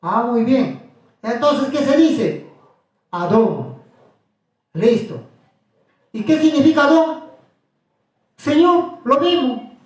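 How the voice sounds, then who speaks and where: High-voiced preacher in an echoey room. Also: male voice, very animated, slow pace, pauses often, recorded from a distance. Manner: questioning, repetitive, insistent. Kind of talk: religious teaching to a small group.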